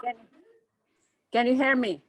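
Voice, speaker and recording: A woman panelist on a video call with a bad connection that keeps cutting out, speaking haltingly and asking if she can be heard. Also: on the high side. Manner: halting, repeats words and asks if she is heard. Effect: breaking up on a bad video call connection. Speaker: panelist on a webinar.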